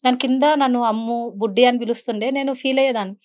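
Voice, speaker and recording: A woman's voice: on the high side, fairly even intonation, very fast, a little mellow. A woman, a podcast guest earnestly telling a personal story and acting out quoted speech. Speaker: guest, beautician and meditation teacher.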